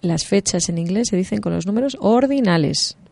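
A woman's voice: mid-range voice, animated, moderate pace, creaky, darkish tone, breathy edge, no echo. Woman from explaining English usage. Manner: explanatory, mixes English words into Spanish. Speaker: English teacher presenting songs. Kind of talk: explaining radio chat.

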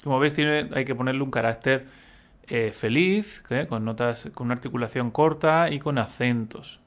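A man's voice: medium pitch, normal speed. A man teaching a music lesson, patiently explaining step by step and humming examples.

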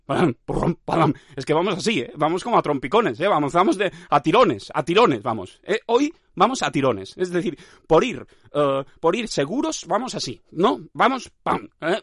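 Vehement man, high dry voice. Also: no room sound. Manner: mock-pompous, vehement, full of "¿eh?" tags. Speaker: podcast host. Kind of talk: rambling absurdist monologue.

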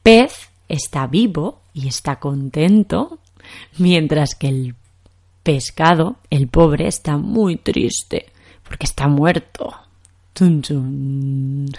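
A woman's voice: low-pitched, a little mellow. A young woman from Spain with a Castilian accent, teaching Spanish in a podcast lesson and explaining patiently with examples.

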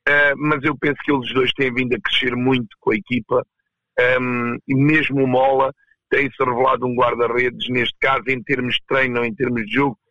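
A man with a European Portuguese accent answering as a coach in a casual interview, halting and repeating words as he goes. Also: medium pitch, little pitch movement, sharp tone, no room sound, highs cut off. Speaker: roller hockey coach, interview guest.

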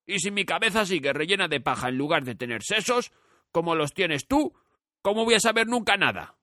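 A friendly straw scarecrow with a slightly hoarse, raspy voice, as a male narrator puts him on. He speaks slowly and earnestly, pitched a little above the reader's own voice and swooping lively. The recording is dry and close. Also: no echo, exaggerated voice. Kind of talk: audiobook character voice.

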